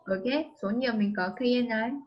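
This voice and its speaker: A woman's voice: fairly high pitch, moderate pace, dull audio. A woman teaching English online with a Vietnamese accent, patiently dictating and spelling words letter by letter. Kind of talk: slow dictation lesson for a child.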